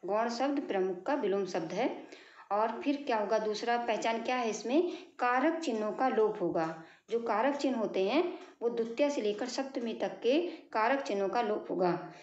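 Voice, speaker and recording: A woman teacher explaining grammar to pupils, going over each point slowly and again, asking if they follow. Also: fairly high pitch, expressive, darkish tone. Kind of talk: classroom grammar lesson. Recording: echoey room, dull lo-fi sound.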